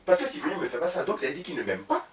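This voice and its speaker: A boastful, gossiping wife, played by a man in a comic sketch, speaking with an Ivorian French accent. Her voice leaps up and down in animated swings, breaking into loud bursts. The voice sounds roomy and set back from the mic over a faint background. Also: high voice, rapid-fire, far from the mic, crowd noise, pitched above the performer's own voice. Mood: gossipy. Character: boastful chatty wife of Cyprien, a woman. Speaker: comedian playing a woman.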